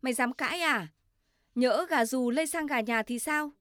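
A woman voicing a harsh, quick-tempered village mother who shouts and scolds her child, in a storybook reading. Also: a little high, lively intonation, no room sound, studio quality, close to an everyday voice. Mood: angry scolding.

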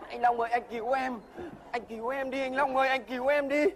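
A woman acting out a flustered, lovesick young man in a comedy sketch, high-voiced and pleading. He panics, repeats his words and begs his mentor for help. A faint hum of ambience sits under the voice. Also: fairly even intonation, quick pace, natural voice.

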